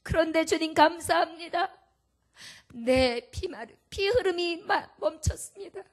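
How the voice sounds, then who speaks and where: A woman's voice: very high-pitched, measured pace, pitched above the performer's own voice. A woman preacher voicing a desperate sick woman who confesses in a trembling, pleading voice that drops into whispers. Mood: exultant.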